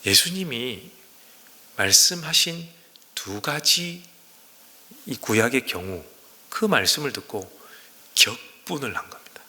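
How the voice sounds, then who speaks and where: Bright, lively preaching man in a reverberant church. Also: mid-range voice, slow, pauses often. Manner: animated, emphatic preaching with rhetorical questions. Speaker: pastor. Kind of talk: sermon. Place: church sanctuary. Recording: long reverb of a church hall.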